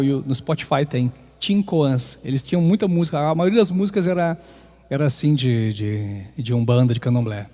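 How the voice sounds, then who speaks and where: In a large hall, a man with a Brazilian Portuguese accent hosts a podcast, speaking casually and reflectively about Afro-Brazilian myths, with some sung chant. His mid-range voice has a dark tone, and he is hesitant, often restarting his sentences.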